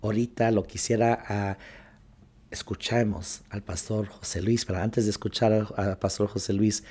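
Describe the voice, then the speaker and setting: Male pastor-host, husky, urgent sermon delivery. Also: fairly low pitch, mellow. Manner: fervent preaching, appeals to viewers.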